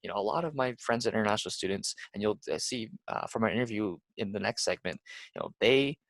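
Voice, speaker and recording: Gravelly young male podcast host. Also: on the low side, lively intonation, fast talker, a bit bright, no room sound. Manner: earnest, full of "you know" restarts. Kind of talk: casual podcast chat.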